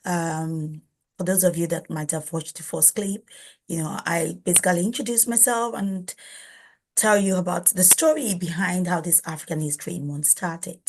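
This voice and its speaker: A woman's voice: lowish voice, moderate pace, slight background noise. A Nigerian woman hosting a live-streamed interview, talking in a chatty, informal way and often restarting her sentences. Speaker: host.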